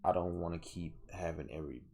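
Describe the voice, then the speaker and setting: This solo podcast host, a young man from southwest Georgia, US, talks fast in a deep, steady, warm and slightly rough voice. Sounding tired and yawning, he rambles earnestly with many restarts.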